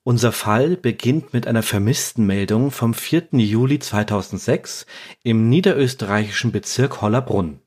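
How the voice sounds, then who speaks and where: A man with a lightly raspy voice at a middle pitch co-hosts a podcast. He presents in a prepared, scripted style. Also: normal speed, a little mellow. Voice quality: slightly raspy. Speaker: podcast co-host.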